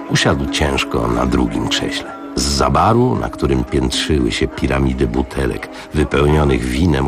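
A man narrating a novel for radio in a deep, expressive voice. His reading swings widely in pitch to dramatize the scene. Faint music plays quietly underneath. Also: vocal fry. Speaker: radio reader.

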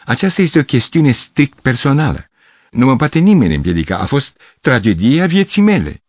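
A man's voice: mid-range voice, big pitch swings, darkish tone, dry recording, studio quality, pitched above the performer's own voice. A man voicing a pompous, dramatic middle-aged male pianist who speaks in pathetic exclamations, in a storybook reading. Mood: pathetic, agitated.

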